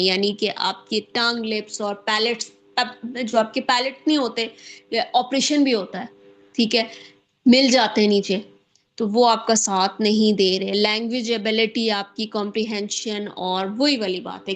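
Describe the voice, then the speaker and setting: A woman giving an online lecture on speech disorders, halting often and restarting words as she explains terms. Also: mid-range voice. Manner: halting, repeats and corrects terms, mixes English terms in.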